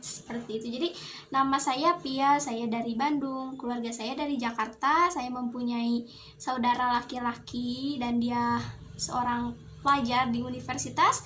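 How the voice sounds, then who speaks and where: A young woman with a high voice talks slowly through a casual lesson review, pausing often and filling gaps with hesitant sounds. Steady noise hums under her voice throughout. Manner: hesitant, many fillers and pauses. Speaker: student presenting a review.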